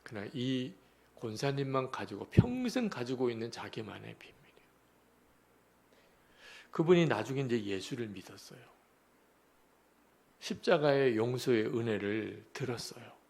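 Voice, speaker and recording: A man preaching a revival sermon in a church, telling a story and moving between hushed whispers and emphatic pleas. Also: medium pitch, lively intonation, normal speed, creaky, long pauses. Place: church sanctuary.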